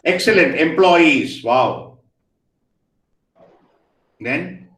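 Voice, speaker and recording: A man giving an energetic online lecture, firing questions at students and praising their answers. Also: fairly high pitch, extremely slow. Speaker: guest speaker. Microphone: video call. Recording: echoey room, faint noise.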